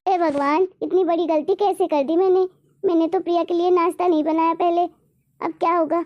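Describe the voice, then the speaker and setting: A woman's voice: very high voice, steady tone, fairly quick, muffled recording. A woman voicing an anxious young daughter-in-law who apologizes and tries to please. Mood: worried. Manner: soft, apologetic.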